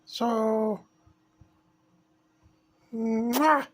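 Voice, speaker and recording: A person playing a cheerful, playful princess who talks in a high sing-song voice and blows kisses, recorded in a hospital room. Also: fairly even intonation, very slow. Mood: drowsy cheery.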